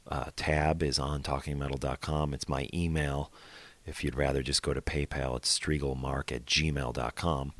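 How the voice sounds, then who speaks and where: Very deep-voiced podcast host, bright tone. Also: male voice, no room sound. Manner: upbeat, chatty, enthusiastic. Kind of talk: casual podcast intro and plugs.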